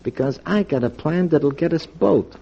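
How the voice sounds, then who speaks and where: In a 1940s radio drama, an actor plays a tough-talking male street stick-up man, using streetwise gangster slang in a menacing mood. His fairly high, exaggerated voice is dark and slightly rough with vocal fry, expressive and moderately paced. The vintage recording sounds dull and has music in it.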